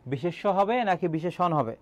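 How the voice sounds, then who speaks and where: A man's voice: high-pitched, expressive, normal speed, dull audio. A young man teaching an online exam-prep class, quizzing students and repeating key answers, with frequent filler sounds.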